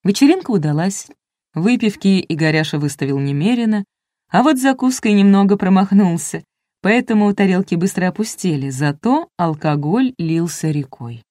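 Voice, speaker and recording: A woman's voice: fairly low pitch, expressive, normal speed, darkish tone, dry recording, clean studio sound. A woman narrating a first-person audiobook in a wry, ironic storytelling manner.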